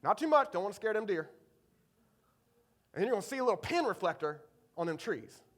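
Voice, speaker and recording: A man's voice: sits high, very animated, a little fast, pitched above the performer's own voice. A man voicing a blunt rural hunter with a thick Eastern North Carolina accent, giving directions matter-of-factly.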